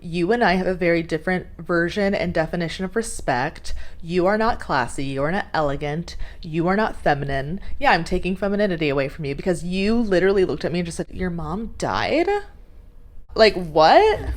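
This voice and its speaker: A woman's voice: fairly low pitch, brisk, few pauses. A young adult woman vlogger ranting to camera in a casual, exasperated way, swearing often.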